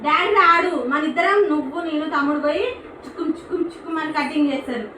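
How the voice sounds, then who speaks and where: A young mother talks to her little daughter in a playful, coaxing sing-song. Her voice sits high. The phone recording sounds echoey, with household noise behind it. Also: fast talker. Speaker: vlogger mother. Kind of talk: casual home vlog, coaxing a child. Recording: echoey room with background noise.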